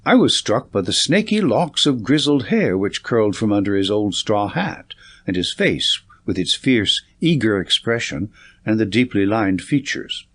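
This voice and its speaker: A man voicing an earnest, observant gentleman doctor in an audiobook, descriptive and slightly poetic. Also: fairly low pitch, sing-song, moderate pace. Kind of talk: audiobook character reading.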